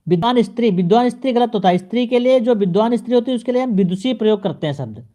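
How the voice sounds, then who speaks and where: A male teacher giving an exam-prep grammar lesson, addressing the viewer and repeating each correction in a steady drilling pattern. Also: very high-pitched, very fast. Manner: speaks straight to the viewer.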